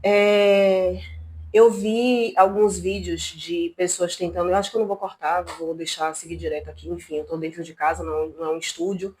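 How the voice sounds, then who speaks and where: A woman's voice: fairly low pitch, little pitch movement, moderate pace, darkish tone, slight background noise. Indignant, chatty woman vlogger. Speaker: channel host. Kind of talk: casual commentary vlog. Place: at home, not a studio.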